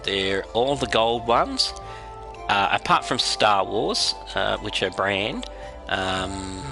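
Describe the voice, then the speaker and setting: An Australian man with a raspy, congested head-cold voice, giving unhurried, casual explanations as he hosts a game livestream. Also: on the low side, expressive, over music.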